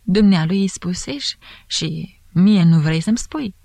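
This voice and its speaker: A woman voicing a smug, flirtatious middle-aged police chief who coaxes and drops into hushed asides. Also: on the low side, lively intonation, vocal fry, dry recording. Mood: coaxing. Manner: sly coaxing, slipping into hushed asides.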